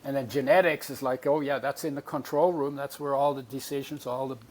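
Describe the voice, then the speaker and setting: Here a man in his eighties, originally from Poland, speaks fairly quickly in a mid-range voice. Appearing on a podcast, he narrates his life in a lively way and imitates the voices he recalls.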